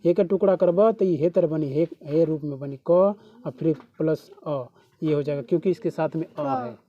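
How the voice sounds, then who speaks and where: A man's voice: on the high side, normal speed, highs cut off. A man with a Bhojpuri accent teaching a class, who keeps asking questions back to his students. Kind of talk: classroom lesson.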